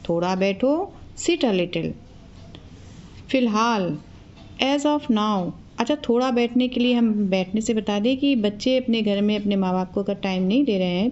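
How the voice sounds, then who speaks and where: A woman with an Indian accent teaching English. She says each phrase first in Hindi, then repeats the English slowly. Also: medium pitch, a little mellow, muffled recording. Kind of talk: slow, repetitive spoken English lesson.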